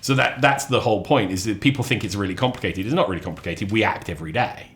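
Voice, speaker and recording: A man chatting as a podcast guest, lively and animated, often repeating and restarting his words. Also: fast, slight background noise. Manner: animated storyteller, acts out quotes with sudden high voices. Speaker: lecturer. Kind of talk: casual chat.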